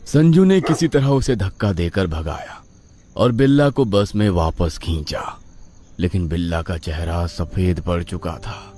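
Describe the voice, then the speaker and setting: A man's voice: low voice, measured pace, dark tone. A man narrating a horror story in a suspenseful, dramatic storytelling style.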